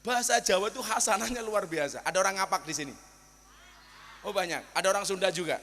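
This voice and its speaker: A man's voice: high voice, fast, a bit bright. A man with a Javanese accent preaching a humorous sermon to a crowd, joking and telling stories as he switches between dialects. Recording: long hall reverb.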